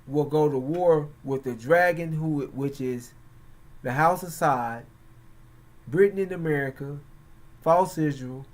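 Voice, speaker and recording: Slow, emphatic man preaching commentary. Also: a little high, darkish tone. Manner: slow, halting, emphatic delivery. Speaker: host. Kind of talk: religious-political commentary.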